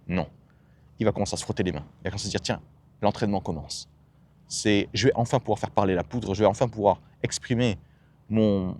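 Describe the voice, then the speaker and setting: A man's voice: fairly low pitch, darkish tone. A man giving an emphatic motivational monologue as a self-development coach, asking himself rhetorical questions and dropping blunt slang.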